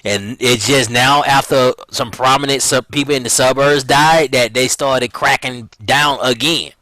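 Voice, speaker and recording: A man hosting a casual chat, relaxed and jokey with blunt opinions. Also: medium pitch, a little slow, slight background noise, poor audio.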